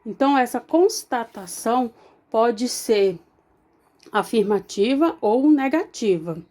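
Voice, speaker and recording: Brazilian lady teacher explaining grammar, kinda high voice, keeps asking if you got it. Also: lively intonation, takes it slowly, a little mellow. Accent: Brazilian Portuguese. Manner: explanatory, checks in with "né?" and "entenderam?"; restarts words mid-sentence. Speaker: Portuguese teacher. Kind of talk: recorded remote grammar lesson.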